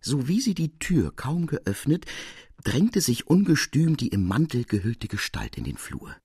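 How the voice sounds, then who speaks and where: A man narrating a classic tale as an audiobook, in an expressive, dramatic reading. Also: medium pitch, a little slow, husky, dry recording, studio quality.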